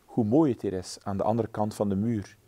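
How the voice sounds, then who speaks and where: A man's voice: lowish voice, fairly even intonation, fairly quick, mellow, close to an everyday voice. A man voicing a small, curious female mouse in a storybook reading, eager and wondering.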